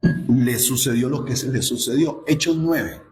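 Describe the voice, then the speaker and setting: A man's voice: mid-range voice, a little slow, a little mellow, slight background noise. A man preaching a sermon to his congregation, asking them rhetorical questions and reading scripture aloud. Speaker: pastor. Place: church sanctuary. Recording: echoey church room.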